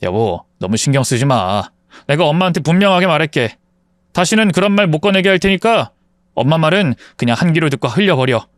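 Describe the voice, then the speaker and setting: A man's voice: fairly high pitch, sing-song, brisk, no echo. Man doing a young husband, firm and blunt, voice jumps around a lot, dry audio. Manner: firm, exasperated pleading. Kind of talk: storybook voice acting.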